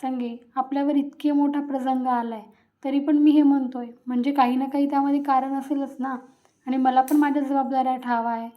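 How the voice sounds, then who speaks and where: A woman's voice: high voice, level tone, a little fast, mellow, natural voice. Woman reading a proud worried older husband. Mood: troubled. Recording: tinny phone-like sound.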